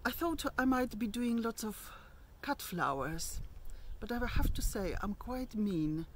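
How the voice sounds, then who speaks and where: A woman's voice: on the high side, expressive, a little slow, a little hiss or hum. A middle-aged woman giving a casual walking tour of her allotment garden outdoors, chatting in a meandering way with plenty of ums and restarts.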